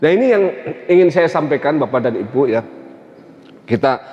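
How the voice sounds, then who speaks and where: A man's voice: medium pitch, animated, normal speed. Man, Tegal Javanese accent, chatty Islamic lecture, dull muffled sound, echoey hall. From Tegal, Central Java. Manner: conversational, many "ya" and "Pak" tags. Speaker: Islamic teacher. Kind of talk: religious lecture. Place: mosque hall.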